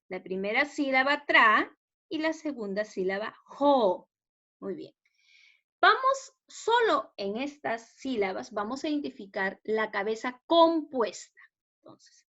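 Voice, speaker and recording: A woman with a Peruvian Spanish accent teaching a spelling lesson to students, explaining patiently and checking understanding with quick questions. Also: high-pitched, a bit bright. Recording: dull lo-fi recording.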